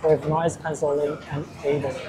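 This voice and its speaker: A man's voice: on the high side, flat delivery, moderate pace. A middle-aged man reviewing gear to camera, speaking up in a busy, noisy public place like a crowded town square. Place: outdoors by a busy road and in an open-air food centre. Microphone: wireless clip-on mic. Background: traffic and busy crowd ambience.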